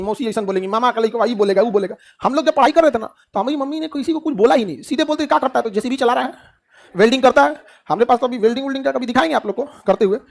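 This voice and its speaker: Bihari guy teaching a big class, talks super fast, jokey, keeps asking then answering his own questions. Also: extremely high pitch. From Bihar, India. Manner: asks the class rhetorical questions and answers them himself, joking. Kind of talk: lecture to a class of students.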